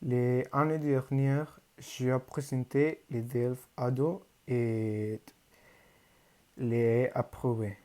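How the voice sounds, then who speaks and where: Teen guy w mexican spanish accent, spanish is his first language, halting careful school presentation, soft warm voice. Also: mid-range voice, flat delivery. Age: teens. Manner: careful, halting learner's delivery. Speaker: high school student. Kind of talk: reading a prepared class presentation.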